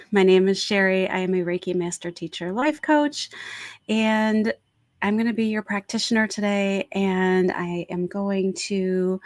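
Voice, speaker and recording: A woman's voice: medium pitch, dry recording, clean studio sound. A woman talking informally and encouragingly as a Reiki practitioner, introducing a guided meditation on a livestream.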